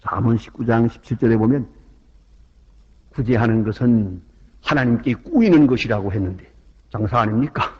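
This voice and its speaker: A Korean man preaching a sermon with great passion, moving from loud cries to quiet asides and acting out the people in his stories, on a dull old sermon recording. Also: mid-range voice, lively intonation, normal speed, long pauses, husky. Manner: impassioned, swings from loud exclamations to hushed asides; acts out quoted voices in the story. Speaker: pastor. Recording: dull lo-fi 1998 sermon tape.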